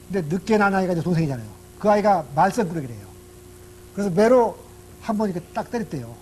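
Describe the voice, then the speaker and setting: A man's voice: high voice, darkish tone, a little hiss or hum, low-quality recording. A man giving a public lecture on marriage, recounting an anecdote in a conversational way.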